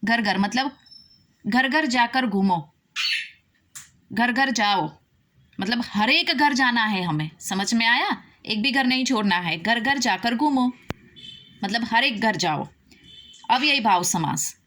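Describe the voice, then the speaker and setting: Female teacher, unhurried, repeats terms, asks if the class understood. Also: on the high side, lively intonation, fairly bright tone. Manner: explains slowly, repeating words and asking "did you understand?". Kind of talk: classroom grammar lesson.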